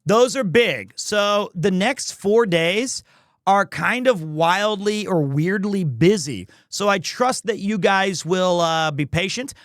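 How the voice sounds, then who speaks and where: A man's voice: high voice, animated, takes it slowly, a bit bright, no room sound, studio quality. A man hosting a livestream, chatting casually with viewers in a rambling, playful way. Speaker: livestream host, amateur voice actor. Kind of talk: casual chat with stream viewers.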